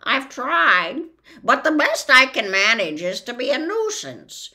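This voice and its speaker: A woman voicing a gleeful, interrupting male bird who cackles and talks loudly. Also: high voice, very animated, a little slow, pitched above the performer's own voice, exaggerated voice. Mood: gleeful, shrill. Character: shrill gleeful male word-snatching bird.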